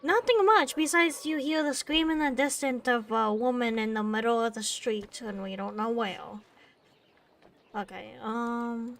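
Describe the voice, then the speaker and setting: A woman's voice: a little high, fairly even intonation, a little slow, fairly bright tone. A woman game streamer giving casual, reactive live commentary full of exclamations.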